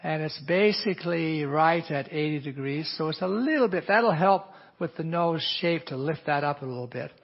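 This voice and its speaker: An aesthetic physician explains a treatment plan while marking up a patient during a live teaching demonstration, often hedging with "a little bit." His fairly high voice moves at a moderate pace with few pauses, and the audio is dull and lo-fi.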